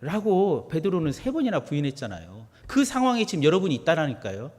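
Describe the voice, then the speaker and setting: A man preaching a sermon, moving between hushed questions and loud, emphatic declarations. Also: fairly high pitch, sing-song, fast talker. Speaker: pastor. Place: church sanctuary. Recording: long church hall reverb.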